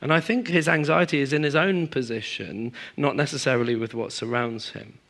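A man preaching a sermon to a congregation, moving between emphatic high passages and quiet, low stretches. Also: brisk, vocal fry. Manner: animated, swings from emphatic highs to quiet low asides. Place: church hall in front of a congregation.

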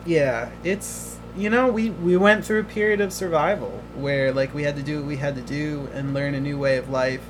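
A man hosting a podcast in casual chat, emotional and halting, often restarting his words. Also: a little high, background noise. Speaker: podcast host.

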